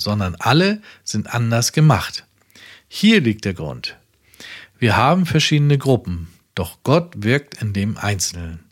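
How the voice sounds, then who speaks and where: Guy reading a sermon out loud, lively up and down pitch, slow and emphatic. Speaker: preacher.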